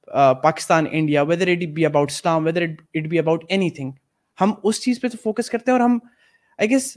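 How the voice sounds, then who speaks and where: A man in a casual discussion, reflective, switching between Urdu and English phrases. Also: high voice. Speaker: guest in a discussion.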